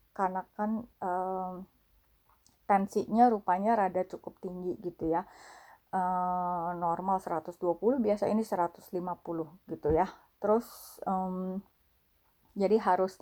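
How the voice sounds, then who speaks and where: Mellow-voiced woman, halting testimony. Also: mid-range voice. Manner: halting, many fillers, repeats phrases. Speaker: vlogger sharing a faith testimony. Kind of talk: casual spoken testimony.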